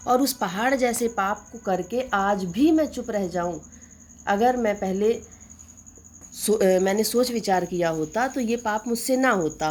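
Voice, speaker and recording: A woman teacher explaining a poem line by line, reciting verses slowly before explaining them. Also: mid-range voice, slight background noise. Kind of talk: poetry explanation lesson.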